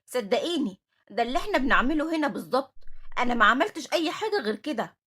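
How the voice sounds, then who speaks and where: A woman's voice: high-pitched, sing-song, rapid-fire, bright, forceful tone, slightly rough, heavily acted. A woman with an Egyptian accent reading the part of a scheming older female supervisor, protesting defensively.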